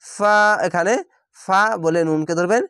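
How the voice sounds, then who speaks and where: Man, Quran reading teacher with a Bangladeshi Bengali accent, drawn-out chanting with brisk explanations, dry close sound. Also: high-pitched, a bit bright, smooth, no echo. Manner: drawls each word slowly when chanting, then explains quickly. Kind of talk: spelled-out Quran recitation lesson.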